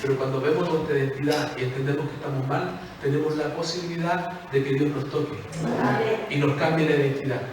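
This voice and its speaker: Pastor guy preaching hard, fairly high voice, mic kinda far off, slight hiss. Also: steady tone, brisk. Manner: impassioned preaching, rising to shouts then dropping low. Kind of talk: sermon. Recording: echoey hall, mic at a distance, faint noise.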